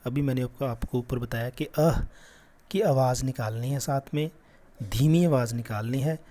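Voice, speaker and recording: A man teaching a class lesson, patiently repeating sounds slowly for children. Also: medium pitch, warm tone.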